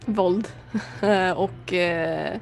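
A woman's voice: on the low side, fairly even intonation, gravelly, soft background music. A woman taking part in a role-playing game, talking hesitantly with many filler sounds. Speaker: player. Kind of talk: casual role-play talk.

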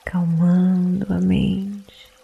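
Woman doing a bedtime meditation, super slow and hushed like quiet at night, soft breathy voice, barely changes pitch. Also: narrow, tinny audio. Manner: hushed, calming night-time delivery, partly whispered. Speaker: meditation guide. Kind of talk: guided sleep meditation.

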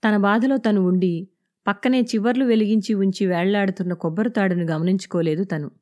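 A woman reading a serialized audio novel in a steady, subdued, measured way. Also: medium pitch. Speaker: audiobook narrator.

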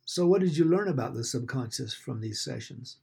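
A man's voice: mid-range voice, lively intonation, fairly quick, gravelly, dark tone, slightly rough. A man co-hosting a podcast, asking questions in a conversational interview style.

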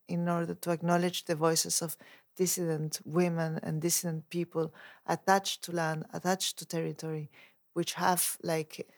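Woman, dance-maker in interview; low-ish, gravelly, thoughtful. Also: darkish tone. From Chile. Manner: thoughtful, searching for words. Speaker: dance artist. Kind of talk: reflective interview monologue.

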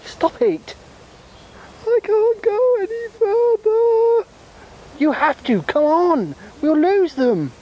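A man putting on a very high voice for an exhausted, exasperated male leader who keeps begging for rest. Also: big pitch swings, slow pace, lo-fi sound, heavily acted. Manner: breathless, pleading and exasperated. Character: exhausted male group leader, frantic and complaining. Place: outdoors.

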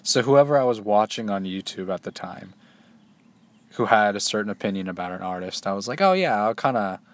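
A young man in his twenties talking casually to the camera, loose and halting, with many restarts and fillers. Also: on the low side. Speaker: solo vlogger. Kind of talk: casual rambling monologue.

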